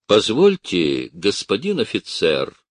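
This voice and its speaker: Мужчина изображает возмущённого земского чиновника. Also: male voice, huge pitch swings, slow, no room sound, studio quality, exaggerated voice. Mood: agitated. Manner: high-pitched, agitated protests. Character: fussy indignant middle-aged male official.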